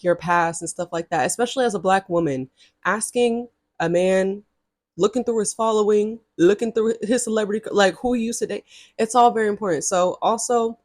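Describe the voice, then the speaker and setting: This is a clean, dry studio recording of a vlogger in her early twenties with a mid-range voice. She's casually recounting a story straight to camera, sassy and talkative, and keeps addressing her viewers directly.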